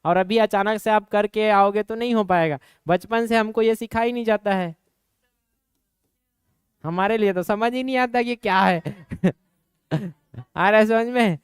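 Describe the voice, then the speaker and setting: Teaching an exam prep class, this young Chhattisgarhi-accented man from Chhattisgarh, India, has a smooth, high voice with a slight nasal quality. He keeps posing quick questions and answering them, occasionally slipping into local dialect, in studio-quality audio with no echo.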